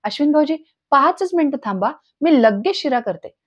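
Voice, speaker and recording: A woman's voice: high voice, animated, normal speed, highs cut off, voice pushed up. A woman doing a sweet, eager young wife. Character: caring young daughter-in-law, eager and sweet.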